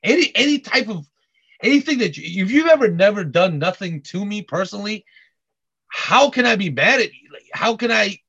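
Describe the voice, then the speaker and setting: A man chatting casually on a podcast, halting with many restarts and repeated words. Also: sits high, expressive, gravelly, fairly bright tone, slightly rough. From Korean heritage. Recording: dull lo-fi audio.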